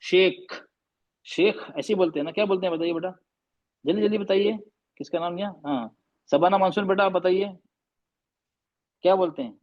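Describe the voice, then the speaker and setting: Man, teacher, online class, repeats words, coaxing, high voice, muffled lo-fi audio. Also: normal speed, long pauses. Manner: drills words by repeating them, patient and coaxing. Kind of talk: online class on Arabic pronunciation.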